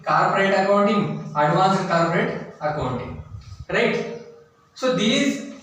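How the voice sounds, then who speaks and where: A man giving a college classroom lecture, deliberately repeating items for note-taking, recorded from a distance in an echoey room. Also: high voice, a bit bright. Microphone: distant from the speaker. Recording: echoey room, distant mic, faint noise.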